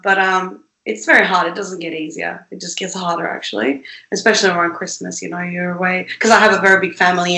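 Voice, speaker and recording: A woman's voice: on the low side, bright, forceful tone, echoey room, rough recording. A young woman from Sweden, an independent musician, chatting casually as an interview guest with lots of fillers, restarts and laughs.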